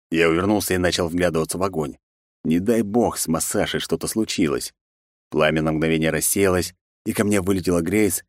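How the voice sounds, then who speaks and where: A man narrating a first-person action audiobook in a measured, deadpan way. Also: low-pitched, no room sound, clean studio sound.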